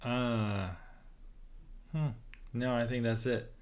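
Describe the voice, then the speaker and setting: A man co-hosting a podcast in casual chat, answering in short, dry, low-key replies. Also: steady tone, slow pace, darkish tone. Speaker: podcast co-host.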